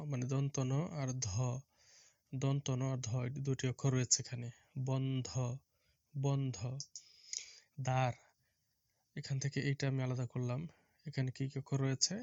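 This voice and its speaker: A man teaching a primary reading lesson, slowly spelling out letters and repeating each word patiently. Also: medium pitch, darkish tone, no room sound, dull audio. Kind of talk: recorded Bengali reading lesson.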